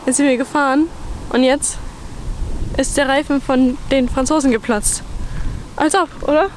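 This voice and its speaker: A woman's voice: high voice, fairly even intonation, moderate pace. A woman in her twenties, a travel vlogger chatting casually to a handheld camera outdoors, often laughing between sentences. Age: 20s. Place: outdoors in the bush by a car. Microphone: handheld camera at arm's length. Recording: outdoor camera audio with clear background noise.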